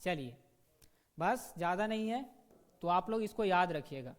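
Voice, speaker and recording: A man teaching an online grammar lesson who demonstrates sounds slowly and keeps checking in with students. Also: high-pitched, animated. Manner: repeats "ठीक है" and asks students questions. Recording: long reverb.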